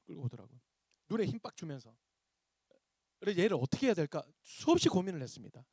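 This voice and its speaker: High-voiced pastor telling lively stories. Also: male voice, fast talker, slightly rough, no room sound, studio quality. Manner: animated storyteller acting out dialogue. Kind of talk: seminar lecture with acted anecdotes.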